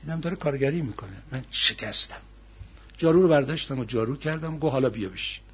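A middle-aged male preacher with a husky voice, telling stories in a sermon and then rising to loud, emphatic exhortation. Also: mid-range voice, lively intonation. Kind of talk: religious sermon.

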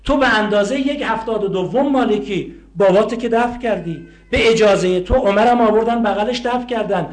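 A man preaching a sermon, swinging from loud impassioned outcries to hushed storytelling. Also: high-pitched.

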